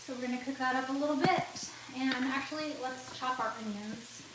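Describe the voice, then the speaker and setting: A woman with a high, brisk voice hosts a relaxed cooking livestream from her home kitchen, chatting, laughing a lot, and sniffling from a runny nose. She's recorded far from the mic in an echoey kitchen with background noise.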